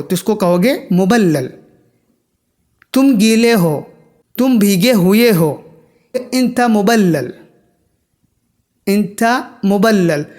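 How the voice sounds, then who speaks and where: Slow, high-voiced man teaching Arabic. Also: darkish tone. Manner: drills words by slow repetition. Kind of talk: language lesson.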